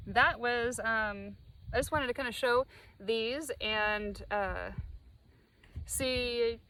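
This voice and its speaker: A woman vlogger casually showing spiritual objects, talking in a loose, meandering way and slowing down to name things, with a dry mouth. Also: a little high, pushed and bright, a little hiss or hum, poor audio. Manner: loose, meandering, slows down when naming objects. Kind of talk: casual show-and-tell.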